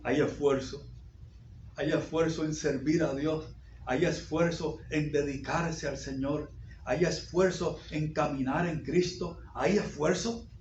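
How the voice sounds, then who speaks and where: A man preaching a sermon as pastor, repeating phrases and rising to sudden loud peaks. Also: a little high, fairly even intonation, takes it slowly, a little hiss or hum. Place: church sanctuary. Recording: echoey dull church recording.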